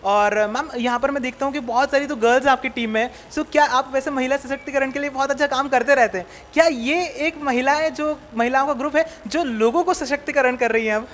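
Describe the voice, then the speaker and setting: A man's voice: very high-pitched, a little fast, hardly any pauses, a bit bright, a little hiss or hum. A man interviewing people at a blood donation camp, upbeat and encouraging, mixing in English words as he talks. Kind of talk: casual on-location interview.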